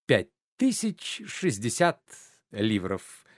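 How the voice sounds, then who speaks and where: A man's voice: lowish voice, huge pitch swings, slow, no echo, clean studio sound, exaggerated voice. A man reading a stage play aloud, voicing a polished, ingratiating nobleman. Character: smooth-talking scheming nobleman.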